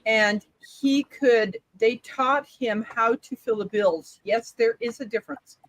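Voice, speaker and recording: A woman's voice: a little high, slow pace, no echo, low-quality recording. A woman speaking earnestly on a casual live-stream panel and repeating her points.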